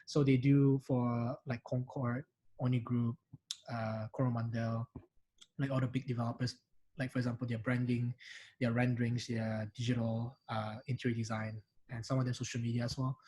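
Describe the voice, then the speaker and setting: A man's voice: mid-range voice, level tone, moderate pace, warm tone, breathy edge, poor audio. A man from Indonesia with a mixed Singaporean and Indonesian accent, chatting animatedly as an interview guest with many restarts. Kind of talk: casual interview chat.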